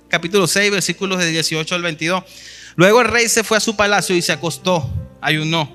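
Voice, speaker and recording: A man's voice: fairly high pitch, sharp tone. A man preaching a sermon, retelling scripture stories and reading verses aloud with emphasis.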